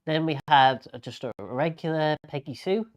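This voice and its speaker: A bingo host calling a live game in a casual, unscripted way, with hesitant, halting delivery. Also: medium pitch.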